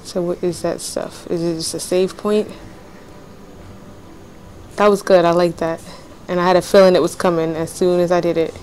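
A woman's voice: lowish voice, little pitch movement, moderate pace, long pauses, darkish tone, a little hiss or hum. A woman playing a video game at home, chatting casually to herself while she has the hiccups. She laughs a lot and swears freely. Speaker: let's play gamer. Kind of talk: casual gameplay commentary. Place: at home with others nearby. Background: faint game music.

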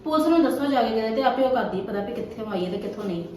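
A woman's voice: fairly high pitch, animated, racing, recorded from a distance, lightly acted. A woman playing an irritable wife in a family drama, grumbling and scolding about household money. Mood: annoyed. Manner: scolding, sharp-tongued, grumbling. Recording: echoey room, voice off-mic, faint noise.

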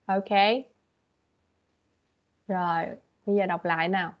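A woman teaching English to a young child online, patient and coaxing as she explains things slowly. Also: lowish voice, level tone. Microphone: video call. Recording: dull lo-fi video call audio.

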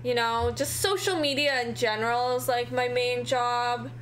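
A woman's voice: on the high side, fairly even intonation, moderate pace, over a noisy crowd. A young woman streamer chatting on a dating show in a laid-back, hesitant way, with many fillers. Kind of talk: casual stream chat. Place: gaming room at home.

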